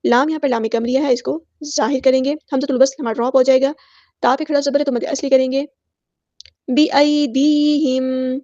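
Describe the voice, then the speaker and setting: A woman teaching Quran recitation rules in a patient, step-by-step manner and reciting verses slowly. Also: high voice, fairly even intonation, warm tone, dry recording, highs cut off. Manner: patient, explains each rule step by step; drawn-out melodic recitation of verses. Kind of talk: tajweed lesson with slow recitation.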